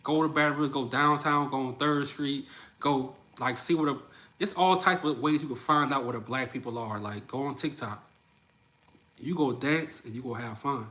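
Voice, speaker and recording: Reading and reacting to comments on his livestream, a Louisiana man in his thirties talks loosely and with energy, dropping "bro" often. He has a medium-pitched, sharp voice at a normal speed.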